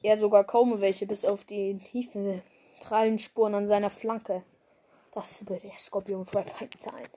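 A woman's voice: mid-range voice, flat delivery, a little slow, dark tone. Young woman casually reading her fan story. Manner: casual, stumbles and self-corrects. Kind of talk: reading her fanfiction aloud.

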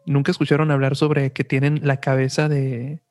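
Music plays beneath this man, a Mexican-accented podcast host who moves between casual chat and reading aloud, loosely and with frequent self-corrections. His mid-range voice has little pitch movement and a darkish tone, and he speaks at a normal speed.

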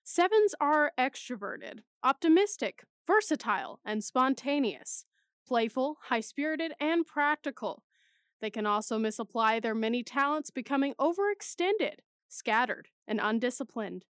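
A young woman putting on a polished news anchor voice in a dry, close recording, slow and emphatic. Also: sits high, lively intonation, no echo. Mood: crisp, upbeat. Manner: slow, emphatic, bright newsreader delivery.

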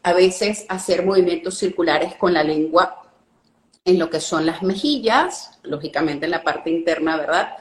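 A woman's voice: lowish voice, unhurried. Woman coaching diction in an echoey room. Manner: explanatory, checks in with listeners often. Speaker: guest speaking coach. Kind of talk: instructional live-stream talk.

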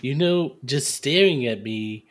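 A man's voice: mid-range voice, lively intonation, measured pace, a bit bright. A man playing a tabletop game, hesitant and flustered, with a lot of stammered restarts. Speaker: player. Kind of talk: casual tabletop role-play.

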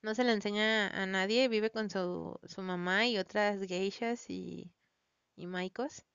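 A woman with a Mexican Spanish accent chats to her viewers, retelling a plot in loose, slangy, rambling speech with plenty of fillers. Her voice is very smooth and resonant. The recording is dry and a bit dull, like lo-fi home audio. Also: mid-range voice, fairly even intonation, a little slow, a bit bright, no room sound. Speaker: vlogger recounting a story.

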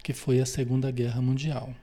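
A man's voice: mid-range voice, flat delivery, moderate pace, mellow. A man with a Brazilian accent leading a study group, reading aloud from a spiritual book and explaining it, checking with listeners after nearly every phrase. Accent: Brazilian Portuguese.

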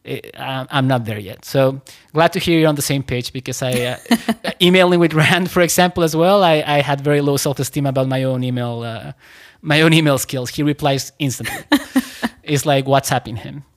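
A man hosting a podcast interview, friendly and loose in his phrasing, and quick to laugh along. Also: medium pitch. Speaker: podcast host.

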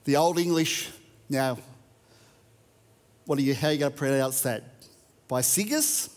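An Australian pastor with a mid-range voice delivers a sermon a little slowly, reading verses and chatting conversationally with his church. A long reverb tail trails his words.

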